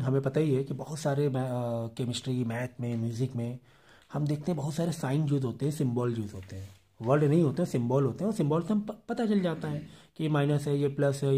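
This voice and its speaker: Male lecturer with a mellow voice; patient explainer who reads textbook passages slowly and keeps checking that students follow. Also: mid-range voice. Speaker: teacher. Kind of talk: classroom lecture.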